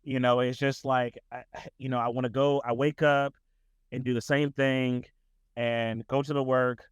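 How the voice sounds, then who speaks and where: A man's voice: medium pitch, flat delivery, normal speed, clear, resonant tone, no room sound. A man who works as a tutor director, talking casually as a podcast guest in a loose, rambling way full of "like" and restarts.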